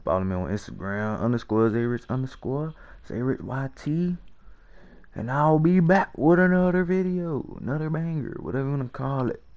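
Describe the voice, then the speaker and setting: A man's voice: mid-range voice, moderate pace, a little mellow, lo-fi sound. A young man hosting a gaming channel, commentating his own football match with slangy, profane trash talk and repeated hype phrases. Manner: hyped trash talk, laughing, repeating himself. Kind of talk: live gameplay commentary.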